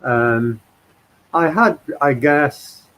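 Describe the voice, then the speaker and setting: Guest, male, from Liverpool, calm and unhurried storyteller, over a video call. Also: a little high, poor audio. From England, Liverpool. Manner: slow, thoughtful, many pauses and ums. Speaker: guest speaker. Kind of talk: personal life story.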